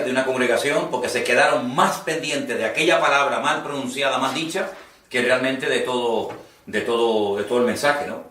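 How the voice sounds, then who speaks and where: A man's voice: medium pitch, bright, forceful tone. A man from teaches preachers, earnest and conversational, often repeating his points for emphasis. He is recorded from some distance in a roomy, echoing space. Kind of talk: homiletics class lecture. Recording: echoey room, voice from a distance.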